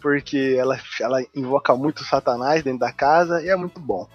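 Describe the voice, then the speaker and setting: A man's voice: mid-range voice, fairly quick, breathy edge, muffled recording, soft background music. A man with a Brazilian accent hosting with casual, irreverent and slangy comedic commentary. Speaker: podcast host.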